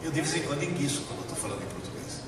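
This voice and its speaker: The speaker is a professor from Italy, Italian-speaking by birth, giving a motivational educational lecture before a live audience. His high, animated voice leans on emphasis, dramatic pauses and repetition, while the far-off mic captures a noisy hall full of echo.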